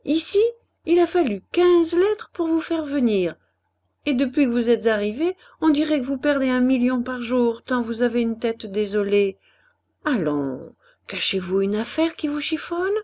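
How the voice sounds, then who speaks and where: A woman reading the part of a brisk, pushy businessman husband in a storybook, coaxing and insistent. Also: very high voice, expressive, a little mellow, exaggerated voice.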